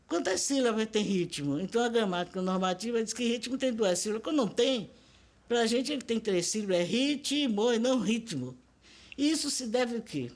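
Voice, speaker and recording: A woman's voice: a little high, animated, a little fast. Older Bahian woman lecturing emphatically. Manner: emphatic, lecturing, asks rhetorical questions. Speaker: linguist interviewee. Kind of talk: documentary interview.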